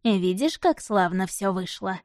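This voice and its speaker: A woman voicing a creaky-voiced old god disguised as a stablehand, speaking in a sly, mocking, folksy way in an audiobook. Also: medium pitch, animated, unhurried, darkish tone, dry recording, studio quality, lightly acted.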